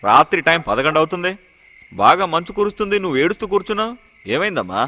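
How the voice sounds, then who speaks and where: An actor playing a kindly village man who gently consoles and advises a weeping woman. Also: on the high side, big pitch swings, very fast, slight background noise. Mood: consoling. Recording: film soundtrack with music.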